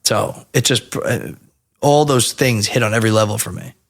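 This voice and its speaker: A man in his thirties from New Jersey, telling stories as a podcast guest in a casual, animated and profane way. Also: on the low side, normal speed, creaky.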